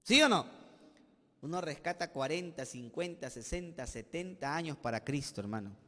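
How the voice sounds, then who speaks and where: A man with a Peruvian accent preaching a sermon as pastor, emphatic, with rhetorical questions and sudden loud bursts. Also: on the high side, animated, normal speed. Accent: Peruvian Spanish. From Peru. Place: church sanctuary. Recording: long church reverb.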